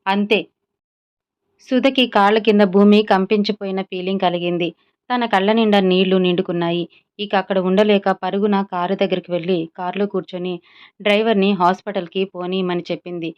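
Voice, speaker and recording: Smooth-voiced woman storyteller. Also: medium pitch, steady tone, brisk, a little mellow, highs cut off. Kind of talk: scripted story narration.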